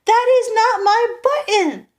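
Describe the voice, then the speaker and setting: A woman doing a fussy, shouty storybook toad. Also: high-pitched, very animated, measured pace. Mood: indignant. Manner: loud, indignant insisting. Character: fussy, cranky toad, male, small.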